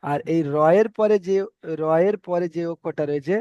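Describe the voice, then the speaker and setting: Patient teacher with a smooth voice. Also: male voice, on the high side, warm tone, no room sound, highs cut off. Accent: Indian Bengali. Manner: patient, repeats letter sounds slowly for students. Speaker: Arabic reading teacher. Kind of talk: online Quran reading class.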